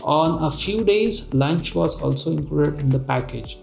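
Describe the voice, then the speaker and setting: A man's voice: on the high side, animated, a little slow, vocal fry, a little mellow. A man with an Indian accent narrating a casual travel vlog in a conversational, storytelling way. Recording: roomy echo, music bed. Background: music.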